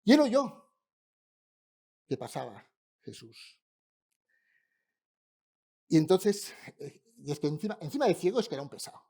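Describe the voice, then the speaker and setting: A man's voice: on the high side, very animated, unhurried, creaky, long pauses, dark tone, husky. A man preaching a sermon in a church, conversational and humorous, speaking directly to the congregation. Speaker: pastor preaching. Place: church in Barcelona.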